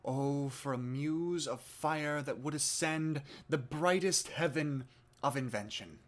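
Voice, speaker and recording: A man playing a theatrical chorus narrator in a Shakespeare monologue rehearsal, declaiming with slow, swelling emphasis. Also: fairly high pitch, pitched above the performer's own voice. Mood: grand, rousing. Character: theatrical male chorus narrator of a history play.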